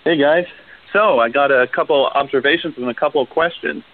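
A man in his twenties calling in to a radio show over the phone, chatty and quick to laugh. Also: mid-range voice. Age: 20s. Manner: chatty, laughs often, hedges with "you know" and "um". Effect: phone line on a radio show. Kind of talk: casual call-in chat. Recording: tinny phone line on the radio.

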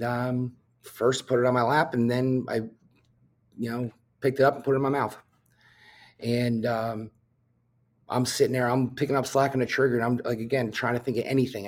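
A police officer from New Jersey, a man, talking as a podcast guest and telling his own story candidly, bluntly, swearing often and filling with "um". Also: mid-range voice. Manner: blunt and profane, with frequent fillers.

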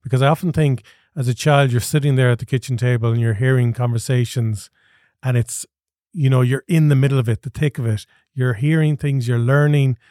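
A man's voice: mid-range voice, steady tone, brisk, mellow, no room sound, clean studio sound. A man with an Irish accent speaking as a podcast host, introducing and interviewing in a conversational style.

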